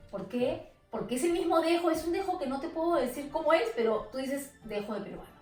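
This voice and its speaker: Animated Peruvian woman, echoey room. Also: high voice, brisk, far from the mic, faint music behind. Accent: Peruvian, Lima. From Peru. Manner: animated, imitates other accents and sellers. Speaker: interviewee. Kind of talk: casual interview answers.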